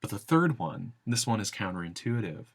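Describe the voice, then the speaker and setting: A man giving an academic philosophy lecture in deliberate, emphatic phrases broken into short segments. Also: on the low side, big pitch swings.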